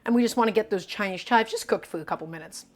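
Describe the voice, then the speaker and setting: Background noise accompanies a young woman hosting a live cooking stream at a quick pace and medium pitch. Her tone is chatty and cheerful as she hypes up her audience, often calling them "guys."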